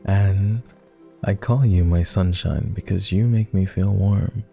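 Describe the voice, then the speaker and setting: In romantic roleplay ASMR, a man plays a refined vampire gentleman who dotes on the listener, courtly and affectionate with a gentle teasing streak. He uses an exaggerated, very low voice with a gravelly creak and speaks in slow, formal phrases over soft background music.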